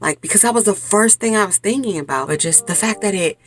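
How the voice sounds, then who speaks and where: A woman in her forties chatting to camera from inside a small clothes closet, telling a story in a chatty, expressive way. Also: mid-range voice, quick pace, slight background noise. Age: 40s. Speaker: vlogger. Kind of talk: casual chat to camera.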